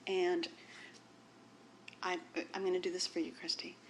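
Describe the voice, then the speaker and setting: A woman's voice: fairly low pitch, little pitch movement, unhurried, a little hiss or hum. A woman co-hosting a podcast in casual chat, musing and self-aware, often trailing off. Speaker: podcast co-host.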